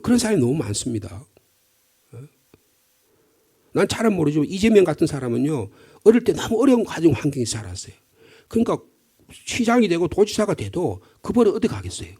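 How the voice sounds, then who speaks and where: With a high, mellow, husky voice, this middle-aged pastor from the Gyeongsang region is very animated and brisk, yet leaves long pauses. He speaks Gyeongsang-accented Korean, preaching an early-morning sermon through stories and rhetorical questions in a conversational manner.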